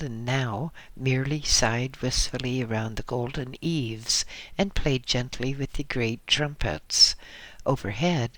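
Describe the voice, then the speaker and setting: Slow-reading male audiobook narrator. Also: mid-range voice, bright, forceful tone, no room sound. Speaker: audiobook reader. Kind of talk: first-person audiobook narration.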